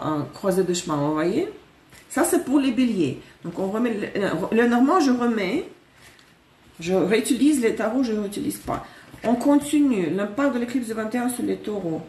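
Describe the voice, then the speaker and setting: A Russian woman doing a live tarot reading chats casually in a Russian accent, correcting herself and cracking jokes along the way. Her voice is medium-pitched and darkish, and she sounds far from the mic in an echoey room.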